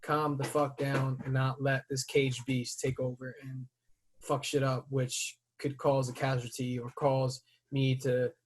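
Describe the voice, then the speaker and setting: A man hosting a podcast who tells a story in casual chat. He swears freely and breaks into loud, heated outbursts as he retells it. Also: mid-range voice, level tone, measured pace, slight background noise. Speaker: podcast host.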